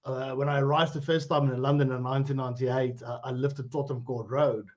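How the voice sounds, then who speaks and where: A fast-talking middle-aged man with a South African accent joins a live-streamed interview by video call as a guest, speaking as a cryptocurrency educator. His pitch is medium and his delivery flat, and the audio has its highs cut off. He wanders chattily from point to point and laughs a lot.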